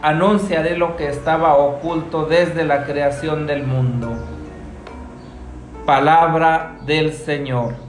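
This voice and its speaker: A man speaking as a priest, giving a solemn scripture reading and homily in a measured, formal way. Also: a little high, fairly even intonation. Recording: echoey room, soft guitar music behind.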